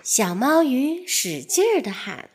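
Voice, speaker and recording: A woman reading a bedtime-style children's story, unhurried and clear. Her high voice swings widely up and down to keep the tale lively. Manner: slow, expressive, storybook cadence.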